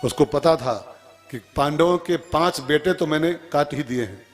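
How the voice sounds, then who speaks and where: A man telling a devotional sermon story, animated and humorous, acting out the voices of the people in it. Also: a little high, moderate pace, faint music behind. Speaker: religious storyteller.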